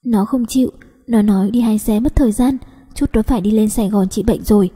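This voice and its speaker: A woman voicing a gentle young woman cousin who speaks choked and tearful in a story reading. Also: mid-range voice, fairly quick, breathy edge, in a large hall, close to an everyday voice.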